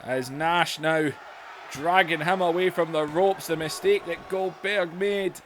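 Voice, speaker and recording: Calling a wrestling video game bout, a man with a high voice stretches his words and takes his time, then erupts into shouts and laughter whenever a big move lands. Hoarseness is creeping into his voice, and a faint hiss runs beneath the audio.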